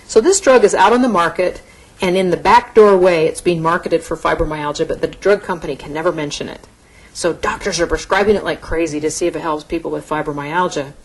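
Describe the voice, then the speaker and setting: Woman doctor giving a relaxed lecture. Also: lowish voice, a little fast, poor audio. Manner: explanatory, conversational, occasional restarts. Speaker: physician lecturer. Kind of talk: medical lecture to an audience.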